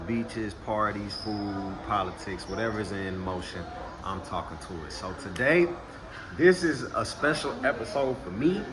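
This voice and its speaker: Indoors in Puerto Rico, a man from Texas hosts a relaxed interview full of slang and easygoing talk. His mid-range voice comes through over a noisy background.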